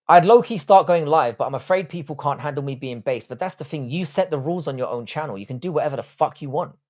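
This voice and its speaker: This livestream host, a man in his thirties, has a mid-range, somewhat mellow voice and a London accent. He's from Ireland but grew up in southwest London, and he fields viewer comments in a crude, blunt, jokey manner.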